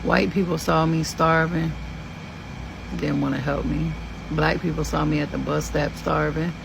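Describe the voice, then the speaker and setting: A woman in her forties from Kentucky telling a story in a blunt, profane and animated way. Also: low-pitched, a little slow, gravelly, noisy background. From Kentucky, USA. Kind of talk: casual storytelling.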